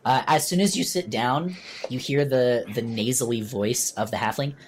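A man narrating a tabletop game as game master, slow and hesitant with many fillers. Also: mid-range voice, slight background noise.

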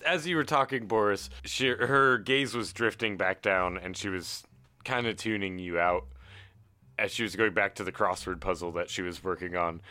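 A man narrating a tabletop game as game master, animated and laughing often. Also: deep voice, moderate pace.

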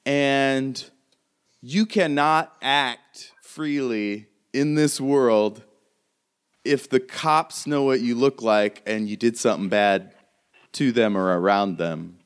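A man's voice: mid-range voice, slow pace, clean tone. A man narrating a tabletop game as game master, casual and swearing freely. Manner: casual, swearing, laughing often.

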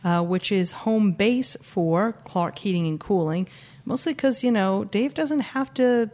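Wry woman podcast co-host, medium pitch. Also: unhurried, darkish tone. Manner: wry, joking asides. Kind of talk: casual chat, introducing guests.

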